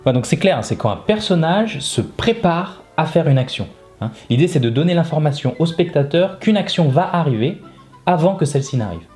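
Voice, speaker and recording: A man's voice: fairly high pitch, expressive, fairly quick, darkish tone, faint music behind. A man hosting an animation lesson, explaining things in a casual, informal way and often adding little tag words. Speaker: animation teacher and video host.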